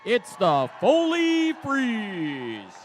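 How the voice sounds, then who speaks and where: Hyped high-pitched man, fighting-game announcer style. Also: wildly swooping pitch, a faint crowd, slight background noise. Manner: booming fighting-game announcer delivery, drawn-out names. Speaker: event announcer. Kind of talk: hyped team introductions at a live competition.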